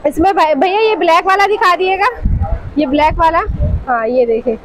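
Inside a fabric shop in Pakistan, a woman hosts a casual shopping vlog in a very high voice at normal speed, enthusiastically praising and echoing whatever the seller says. The audio quality is poor, with shop noise clearly audible in the background.

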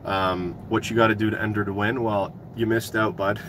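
A man's voice: fairly low pitch, little pitch movement, moderate pace. A man in his thirties chatting casually to viewers on a livestream in a laid-back way, hosting a giveaway. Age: 30s. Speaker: trade YouTuber hosting a giveaway. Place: inside a parked work truck cab. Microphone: phone at arm's length. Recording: clear vehicle and outside noise.

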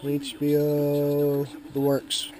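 A man giving a relaxed, chatty handheld tour of his motorhome, reading out numbers from his solar panel display. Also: a little high, extremely slow, low-quality recording. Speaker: RV owner vlogging his camping trip. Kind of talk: casual handheld vlog tour. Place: inside a parked motorhome, small room. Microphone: handheld wide-angle action camera.

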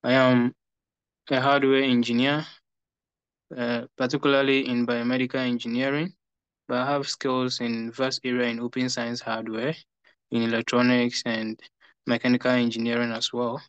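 A man based in Ghana speaks over a video call with a smooth, resonant voice and a flat delivery. The audio is dry and somewhat muffled. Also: mid-range voice, moderate pace, no echo. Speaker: election candidate. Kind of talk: online meeting statement.

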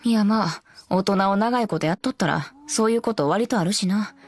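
A woman's voice: mid-range voice, fairly quick, close to an everyday voice. Straight-man role: actress playing a blunt Kansai woman, snappy comebacks, faint music behind. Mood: scolding. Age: adult. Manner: sharp retorts, straight-man scolding. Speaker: commentary co-host. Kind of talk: in-character anime commentary.

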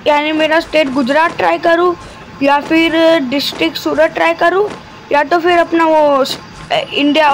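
A man giving live commentary over his mobile game, talking deliberately quiet and chatty, constantly addressing his viewers. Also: very high voice, rough recording. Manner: talks deliberately quiet and soft; chatty, keeps addressing viewers as guys and brother.

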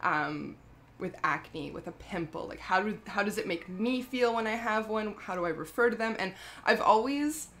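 A woman's voice: mid-range voice, expressive, moderate pace, a bit bright, slight background noise. A woman talking casually about her skincare product, chatty and rambling, with lots of fillers and self-corrections. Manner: laughs often mid-sentence. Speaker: skincare brand founder.

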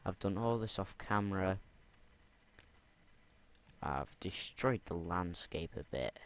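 A man's voice: low-pitched, animated, slow pace, fairly bright tone. A young man rambling and talking to himself as he plays a game, repeating words under his breath. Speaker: gamer. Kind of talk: game commentary.

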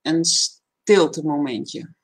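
A woman with a low, husky voice reads a reflective text aloud on the livestream talk show she hosts, keeping it calm and measured, then settles into easygoing conversation.

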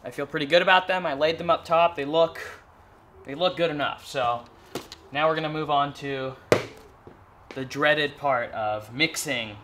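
A young man chatting casually in a garage workshop vlog, self-deprecating and quick to laugh. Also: fairly high pitch, noisy background. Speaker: vlogger.

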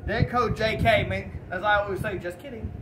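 A young man with a high, brisk voice hosts a casual video, filmed outdoors beneath an open pavilion. The camera sits a few metres away, so the open-air sound is distant and noisy.

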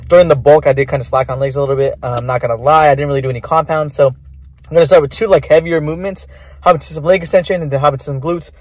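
A man's voice: fairly high pitch, steady tone, very fast. A man in his twenties chatting casually to camera as a fitness vlogger, laid-back and saying bro and man a lot. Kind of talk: casual vlog talk to camera. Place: home kitchen, indoors.

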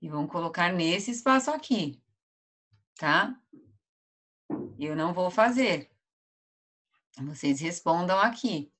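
A woman's voice: on the low side, expressive, slow, long pauses, fairly bright tone. A Brazilian woman teacher giving an online lesson to first graders, drawing out each word syllable by syllable. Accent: Brazilian Portuguese. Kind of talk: online lesson for young children.

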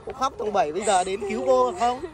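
A man's voice: high voice, quick pace, far from the mic, crowd noise, lightly acted. A man voicing an arrogant, rich male skeleton who taunts his ex-lover and brags about money, in a fan audio drama. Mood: sneering. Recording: noisy homemade recording.

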